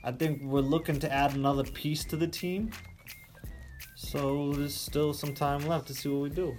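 A man with a Boston accent talks in a relaxed, loyal-fan way on a casual radio chat. His voice sits a touch high for a man, and faint music runs underneath. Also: moderate pace. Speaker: guest.

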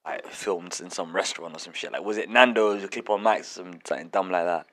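Young male co-host, London roadman accent, rapid delivery, lowish pitch, casual sceptical banter. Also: a bit bright. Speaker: podcast co-host.

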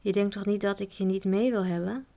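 A woman's voice: mid-range voice, steady tone, a little fast, creaky, mellow, natural voice. A woman reading the lines of an earnest young male traveller who hesitates and searches for words.

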